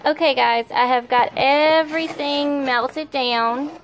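A woman with a fairly high voice chats her way through a homemade how-to from her kitchen, rambling and correcting herself as she goes. She talks into a phone camera held over the stove. A faint hum of room noise sits behind her. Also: steady tone, slow pace. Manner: chatty, rambling, self-correcting. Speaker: home video maker. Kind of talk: casual how-to demonstration. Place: home kitchen, indoors.

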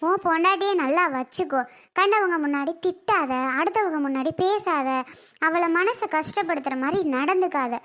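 A woman playing an older mother-in-law and grandmother who talks slowly and coaxingly. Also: very high-pitched. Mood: advising. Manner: slow, soft, coaxing talk. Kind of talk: family skit acting.

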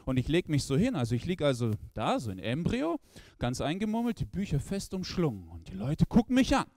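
Animated high-voiced male stand-up comedian. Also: fairly quick, no echo, clean studio sound. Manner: animated, acts out characters in the story. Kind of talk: stand-up storytelling. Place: stage with no audience.

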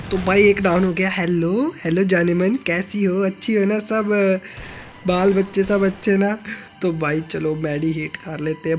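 A young gaming YouTuber commentates his own shooter gameplay in a fairly high voice, excitable and teasing, shouting at sudden kills and muttering smugly between them. There's a slight hiss or hum in the audio.

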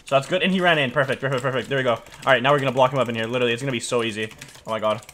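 A young man with a frat-bro manner commentates on his gameplay in a casual way. His mid-pitched voice carries loose slang, full of dude and bro, as he hosts a gaming video. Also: racing, bright, forceful tone, a little hiss or hum.

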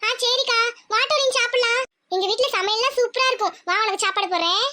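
A woman's voice: very high voice, fast talker, pushed and bright. A woman voicing a chatty, cheerful little schoolgirl in a homemade cartoon. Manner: bubbly, chatty. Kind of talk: cartoon voice acting.

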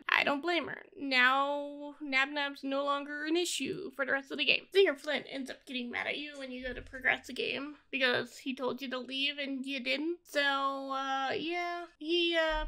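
Woman, high bright voice, casual gameplay commentary, informal, blunt complaints. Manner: informal, griping, bluntly opinionated. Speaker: gamer reviewing a video game.

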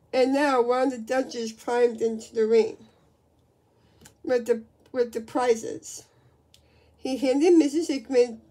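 A woman's voice: a little high, warm tone. A woman reading a children's book aloud, with frequent slips and restarts.

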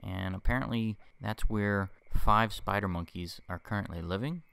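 Deep-voiced man, relaxed travel voice-over. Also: normal speed, vocal fry, clean tone, dry recording. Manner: easygoing, chatty, self-deprecating asides. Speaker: travel vlogger narrating a boat tour. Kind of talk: casual voice-over narration.

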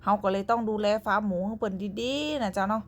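A woman's voice: mid-range voice, fast talker. A young woman with a Northern Thai accent, narrating her own vlog in a chatty way and closing her phrases with polite particles. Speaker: vlogger.

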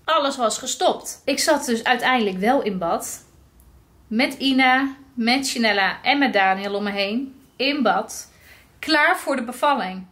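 A woman vlogging about a personal experience, telling it lively and acting out what people said. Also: on the high side. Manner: lively, recounting with acted-out quotes. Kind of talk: personal storytelling vlog.

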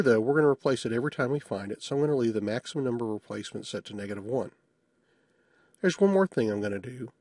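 A man narrating a screencast tutorial, walking through a software demo in a relaxed, matter-of-fact way with small jokes. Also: mid-range voice, dry recording, studio quality.

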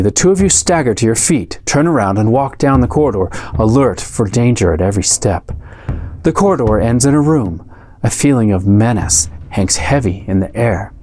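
A man's voice: lowish voice, a little mellow, slight background noise. Man reading an adventure book dramatically. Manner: dramatic storytelling delivery. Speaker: storybook reader. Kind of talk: reading a gamebook aloud.

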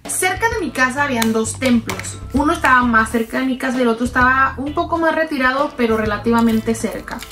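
A woman's voice: sits high, animated, fairly quick, few pauses, pushed and bright. A young woman with a Mexican accent telling a personal story in a chatty storytime manner, often calling the listener "sister". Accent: Mexican Spanish. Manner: chatty, addresses listener as "hermana". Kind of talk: storytime narration. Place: unseen voice-over. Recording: background music under the voice.

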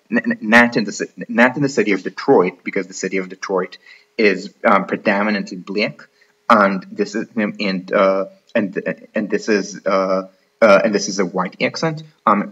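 Low-voiced hesitant man, dull audio. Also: a bit bright. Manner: hesitant, many ums and restarts. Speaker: host of the channel. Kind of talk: unscripted explainer talk.

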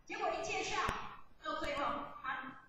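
A woman giving a lively religious testimony, telling her story with laughs. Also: sits high, moderate pace, background noise. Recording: echoey hall from far off.

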